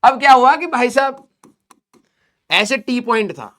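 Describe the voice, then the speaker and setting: A man's voice: very high voice, animated, measured pace, a bit bright. A male teacher casually telling his students a personal story, full of fillers and laughing as he talks. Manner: chatty, fillers like "ठीक है" and "भाई साहब".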